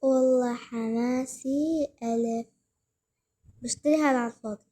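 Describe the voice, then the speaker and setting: A young woman, giving excited gameplay commentary and repeating words rapidly when thrilled. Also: on the high side. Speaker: gaming vlogger.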